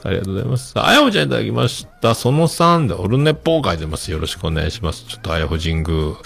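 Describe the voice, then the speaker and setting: A man hosting a casual podcast and reading listener mail, relaxed and chatty with many fillers and soft trailing ends, with a Kitakyushu accent. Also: deep voice, creaky, husky. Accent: Kitakyushu Japanese. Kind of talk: casual solo podcast talk.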